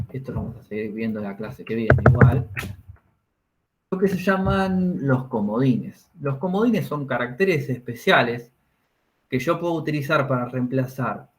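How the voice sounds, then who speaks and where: Man, teacher, explains patiently step by step, medium pitch. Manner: explains step by step, checks understanding with tag questions. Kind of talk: classroom lesson.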